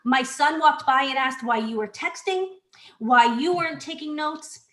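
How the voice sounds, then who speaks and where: A mother speaks up on a video call, earnest and emotional, pressing her point. Her voice sits high. The room around her rings with echo. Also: normal speed. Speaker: parent speaking at public comment. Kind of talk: public comment on a video call.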